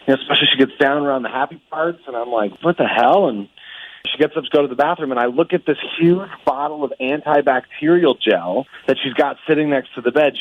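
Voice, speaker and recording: An excitable, chatty man heard over a phone speaker on a radio show. His voice sits at an ordinary middle pitch and comes through a muffled, narrowed line, laughing as he talks. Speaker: radio call-in guest. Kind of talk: casual chat.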